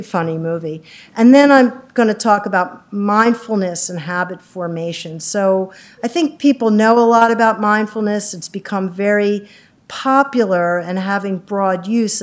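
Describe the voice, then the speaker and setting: A middle-aged woman psychiatrist giving an informal community talk, chatty and self-deprecating, with lots of fillers and restarts. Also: medium pitch. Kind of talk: informal lecture.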